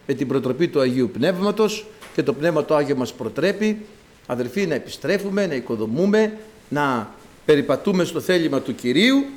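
A man preaching a sermon to his congregation, emphatic and exclamatory, calling out to the brothers. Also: on the high side. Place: church.

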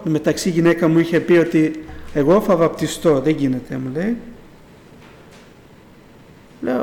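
A man's voice: on the high side, a little mellow. Man, middle-aged, rambling faith testimony, roomy hall sound with long reverb. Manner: rambling retelling, keeps repeating "I say". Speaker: church member giving a testimony.

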